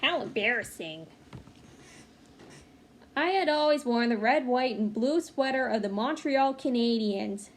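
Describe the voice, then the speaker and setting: Speaking as if to young children, a storyteller with a fairly high voice reads a picture book expressively, a little slowly and with long pauses. Faint background noise runs through what is clearly a noisy home recording.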